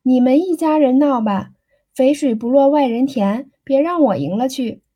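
A woman's voice: high voice, normal speed, warm tone. A woman voicing an impatient, teasing young society woman in an audiobook reading, pressing and playful.

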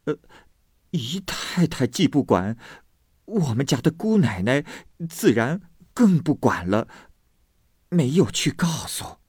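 A man reading aloud voices a flustered old female servant who talks in a frantic, high, wailing way. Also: big pitch swings, slow pace, a little mellow, husky, dry recording, clean studio sound, exaggerated voice. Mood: aggrieved.

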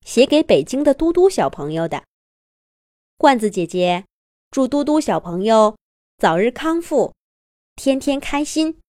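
A woman narrating a scripted story for young children in an expressive, dramatic, clearly phrased way. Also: fairly high pitch, no echo, clean studio sound.

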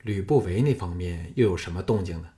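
A man voicing a calm, steely general who speaks slowly and coolly in an audiobook. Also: sits low, natural voice.

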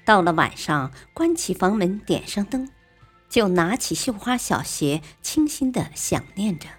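Husky woman telling a classic tale. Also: mid-range voice, a little slow. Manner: expressive, lively narration. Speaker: storyteller. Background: faint music.

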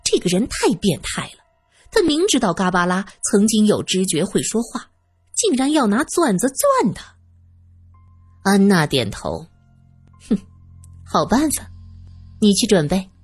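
A woman narrating a serialized audiobook in an expressive storytelling manner. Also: medium pitch, measured pace, husky, faint music behind.

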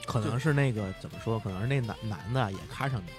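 A man's voice: on the low side, fast, a little mellow, faint music behind. Teasing man chiming in on a podcast. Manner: teasing interjections, crude banter. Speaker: podcast co-host. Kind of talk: casual chat.

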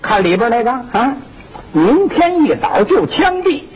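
Guy doing a nasty prison warden, barks high and sharp, shandong accent, old hissy tape. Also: very animated, a little slow, heavily acted, low-quality recording. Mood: threatening. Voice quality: barking, menacing. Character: brutal bullying male prison warden.

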